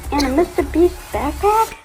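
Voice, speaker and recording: A woman's voice: high voice, animated, moderate pace, music in the background, voice pushed up, poor audio. A woman doing a brash New York sidekick. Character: brash gum-smacking young woman sidekick.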